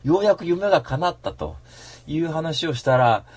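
A man hosting a radio show in a casual rambling monologue, slangy and animated, breaking into mock-angry rants. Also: on the high side, moderate pace, breathy edge.

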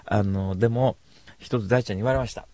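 A talk show host with a lowish, steady voice tells a rambling, casual anecdote a little quickly. The close, dry studio sound catches him swinging between mumbled asides and loud bursts.

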